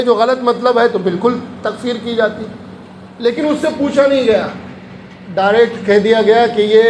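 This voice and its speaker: A man with a very high voice delivers a sermon as a chain of anecdotes, acting out the people in them. He is recorded in an echoey room with a faint hum of ambient noise behind him. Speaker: Islamic preacher. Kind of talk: sermon-style storytelling lecture.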